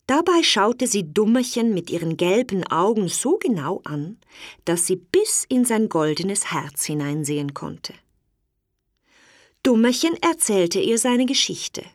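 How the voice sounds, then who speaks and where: A woman narrating a fairy tale as a storybook reader, slow and expressive. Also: medium pitch, no room sound, clean studio sound. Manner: slow, lively, expressive telling. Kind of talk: storybook reading.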